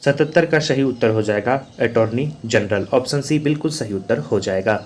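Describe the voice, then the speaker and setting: A man's voice: medium pitch, brisk, slight background noise. A man teaching as an exam coach, working through quiz questions and answers in a repetitive, drilling manner. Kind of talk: quiz answer walkthrough lesson.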